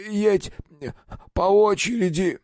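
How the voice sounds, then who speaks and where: A man voicing a frightened drunk peasant witness in an audiobook, with rough, folksy common speech. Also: sits high, fairly even intonation, slow, darkish tone, dry recording, studio quality, pitched above the performer's own voice. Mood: confiding. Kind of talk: audiobook character voice.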